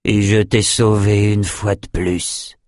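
A man reading an audiobook voices a calm, resolute young male champion swordsman who speaks in a grave, steady way. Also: lowish voice, takes it slowly, no echo, clean studio sound.

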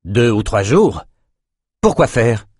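A man's voice: medium pitch, big pitch swings, slow, a little mellow, breathy edge, no room sound, studio quality, full character voice. A man voicing a burly bearded fisherman who is now mayor, confident and hearty.

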